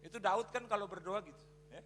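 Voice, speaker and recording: Male pastor, high voice, bright edge, animated sermon storytelling, mixes in English. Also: quick pace. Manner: animated, mixes English phrases, acts out quotes loudly. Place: large church hall. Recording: reverberant church hall with faint noise.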